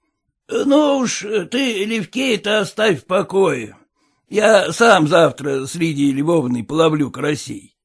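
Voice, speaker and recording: A man's voice: on the high side, animated, slow, creaky, slightly rough, exaggerated voice. A man reading an audiobook, voicing a kindly captain who fusses and hesitates with filler sounds. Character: kindly fussing old captain. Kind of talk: audiobook character voice.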